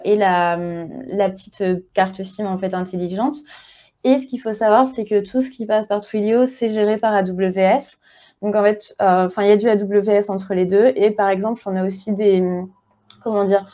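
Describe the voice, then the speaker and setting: A woman's voice: mid-range voice, dark tone. A woman giving a tech conference talk with a live coding demo, chatty and casual, marking each step with little filler words. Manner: casual, chatty, punctuates steps with "hop" and "voilà". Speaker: conference speaker.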